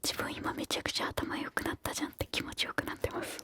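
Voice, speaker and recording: Close, bright ASMR whisper from a woman. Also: fast talker. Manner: whispers throughout, soft and breathy; encouraging, gentle advice-giving. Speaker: ASMR host answering viewer questions.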